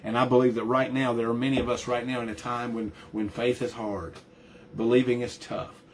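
A male pastor delivers a sermon in an earnest, emphatic way, circling back on his words as he pushes each point home. His voice sits at an ordinary middle pitch. A faint hiss of background noise runs under the recording. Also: level tone, a little fast. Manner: earnest, emphatic preaching with frequent restarts and repeated words.

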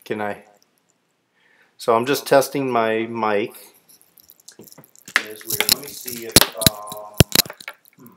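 A man chatting on his breakfast-cooking livestream speaks slowly in a fairly low, steady voice with long pauses, fiddling with the audio settings as he talks to viewers. Recorded from a distance, he echoes as if in a cave, with faint noise.

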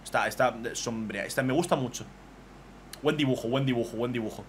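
A man, casually commentating on fan drawings as a streamer, excitable and swearing freely. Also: mid-range voice, a little fast, slight background noise.

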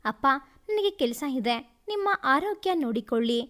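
A woman voicing a young wife who speaks quickly and softly through tears. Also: sits high, lively intonation. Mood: tearful. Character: young wife, tearful and guarded.

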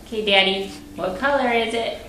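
A woman playing a board game with her small child at home, praising and guiding them in a slow, sing-song way. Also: on the high side, sharp tone, reverberant, slight background noise. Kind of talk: patient, encouraging talk to a toddler.

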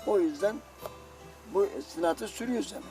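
A man's voice: high-pitched, normal speed, warm tone, recorded from a distance. An older man, a guest giving short, plain answers, away from the microphone. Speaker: beekeeper guest. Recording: off-mic, faint music behind.

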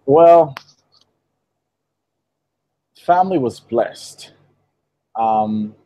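A young man from Israel, a guest on a video call interview, telling his story in a relaxed way with light laughs, speaking into an earphone mic in a shop. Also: on the low side, low-quality recording. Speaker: interview guest, vegan baker. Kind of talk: casual interview. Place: indoor shop with green wall. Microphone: earphone headset on video call.

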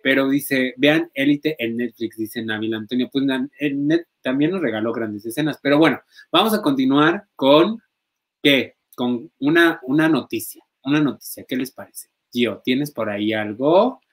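A man hosts a casual gossip chat with a playful, teasing manner. His voice sits at an average pitch, and he reads out viewer messages between jokes. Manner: playful, reads viewer comments aloud, jokes in halting English. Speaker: host.

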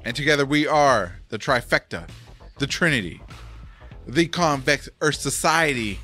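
A man's voice: medium pitch, expressive, unhurried, pushed and bright, soft background music. Laughing, tongue-tied male podcast host. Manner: laughs often, stumbles over words. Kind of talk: casual chat.

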